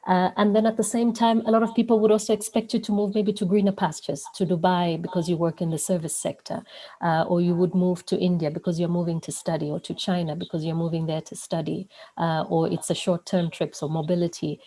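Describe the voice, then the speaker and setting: A woman presents over a video call, her voice pitched a little low and mellow. She talks in a thoughtful, halting way, often pausing and restarting her sentences as she works through her points. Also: little pitch movement. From Zambia. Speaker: webinar presenter.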